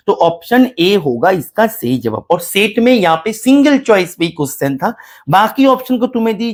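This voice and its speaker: A man giving a math exam-solution lecture, explaining step by step, mixing in English terms and calling his students beta. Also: sits high. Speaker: mathematics teacher.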